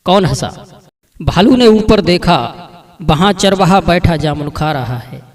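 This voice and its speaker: A man narrating a folk story in a plain, steady storytelling manner. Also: on the high side, a little slow, recorded from a distance.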